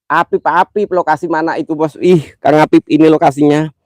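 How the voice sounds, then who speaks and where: A man's voice: fairly high pitch, fairly even intonation, fairly quick, no echo. A man hosting a live mystery-hunt stream outdoors in a cemetery at night. He talks in a playful, teasing, jokingly affectionate way, and his nose sounds stuffy from a cold. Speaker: livestream host.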